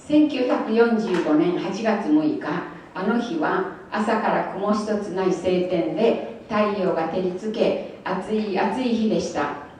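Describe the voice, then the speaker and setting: A woman in her eighties giving spoken testimony as a guest speaker, in short measured phrases that leave room for an interpreter. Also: mid-range voice, a little mellow. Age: 80s. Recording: echoey hall from far off with faint noise.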